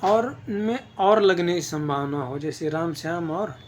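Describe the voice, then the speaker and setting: A man with a fairly high voice teaches an exam-prep grammar lesson. He explains patiently and keeps checking in with his listeners. Faint background noise sits under the recording. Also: expressive, a little slow.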